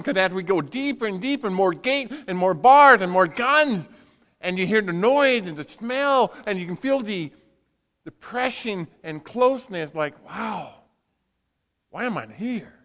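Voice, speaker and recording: A man with a high, slightly bright voice preaches a sermon as a dramatic storyteller. He tells animated personal stories in short punchy phrases and acts out the dialogue. The recording is from a large, reverberant hall.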